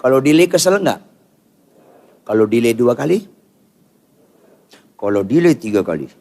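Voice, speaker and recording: An older man preaching a sermon in church, firing rhetorical questions at the congregation and swinging from quiet asides to loud outbursts. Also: medium pitch, big pitch swings, normal speed. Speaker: pastor.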